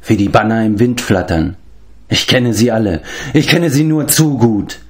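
A man reading an audiobook, voicing a noble adult male prince and war leader who speaks in a measured, commanding way. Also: on the low side, a little mellow, close to an everyday voice.

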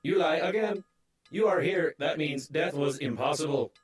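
A stern game interrogator played by a man barks short, clipped demands. The voice sits fairly high and rings in an echoey space, with soft game music behind it. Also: unhurried, lightly acted. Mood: demanding.

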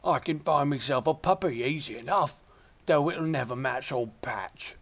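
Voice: medium pitch, normal speed, vocal fry. A reader voicing a tearful, simple old male shepherd who speaks in a rustic country dialect. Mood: mournful.

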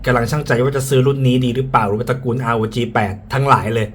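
A man's voice: mid-range voice, fairly even intonation, very fast. Man reviewing gadgets through a face mask. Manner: frank, repeats points, casual fillers. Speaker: tech reviewer. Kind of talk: casual spoken product review. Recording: clear background ambient noise.

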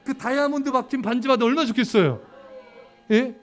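A man with a notably high voice preaches to his congregation. He jokes, teases the children in the pews and now and then barks at them to hush. His delivery is playful and animated. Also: fast, faint music behind. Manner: lively and joking, teasing children in the congregation; breaks into sudden shouts for quiet. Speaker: pastor. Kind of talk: sermon.

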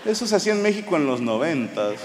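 A Mexican stand-up comedian with a Mexican Spanish accent tells crude, swear-filled stories with animated energy to a laughing crowd on a large theater stage. His voice is a little high and he talks fast. The live show was recorded in a big reverberant hall with heavy background noise.

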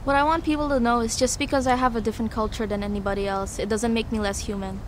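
A woman's voice: fairly high pitch, fairly even intonation, fast, a little hiss or hum. A young woman speaking earnestly and a little hesitantly in a documentary interview.

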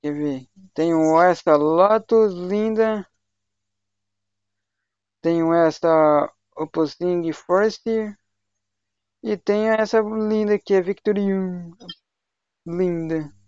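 A man's voice: sits high, drawn-out words, pauses often, darkish tone, clear, resonant tone, dry recording. A young man from Brazil chatting casually on a gaming livestream, slangy and talkative while he plays. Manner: slangy, chatty, talks to voice chat while playing. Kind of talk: casual live gaming chat. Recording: dull, lo-fi home stream mic.

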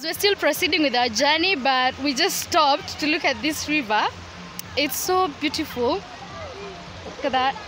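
A woman's voice: high voice, expressive, a little slow. A young woman travel vlogger speaking casually to her phone camera outdoors, upbeat and chatty, addressing viewers directly. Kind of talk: casual vlog narration to camera. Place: outdoors by a river and at a campsite. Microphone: phone camera at arm's length. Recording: music and crowd noise behind. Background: loud background music and chatter.

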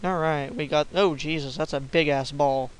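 A young man giving casual, silly commentary over his own gameplay, swearing often and breaking into yells. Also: a little high, fairly even intonation, moderate pace, smooth, low-quality recording. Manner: swearing, silly, bursts of yelling. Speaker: gamer recording gameplay.

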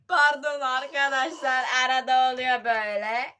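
A woman's voice: high voice, fairly bright tone. A woman hosting casual comic banter, introducing the group to viewers.

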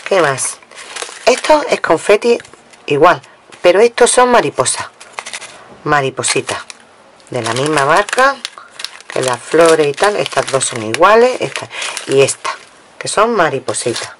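Sing-song and unhurried, a low-voiced Spanish woman pauses at length while going through a craft-supply haul at her table, counting the items aloud and chatting casually with viewers. The home recording is noisy, with crinkling packets.

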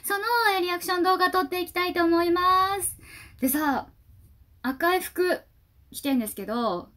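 A woman YouTuber giving casual fan reaction commentary on a music video, gushing and excitable, talking half to herself. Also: very high voice, normal speed.

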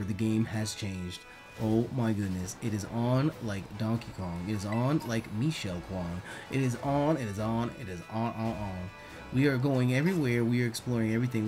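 A gaming YouTuber provides let's play commentary on a video game at a medium pitch. He's excitable, repeats catchphrases, swears a lot, and his voice is turning hoarse.

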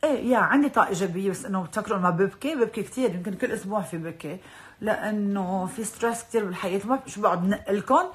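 A woman's voice: medium pitch, rapid-fire. Chatty Lebanese woman mixing in English. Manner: chatty, mixes in English words, laughs often. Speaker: social media personality hosting a live stream. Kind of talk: casual chat on a live stream. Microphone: phone.

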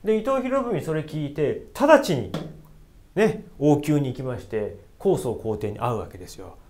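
A man teaching a casual history lesson in an animated, joking way, with blunt asides. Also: fairly high pitch, normal speed.

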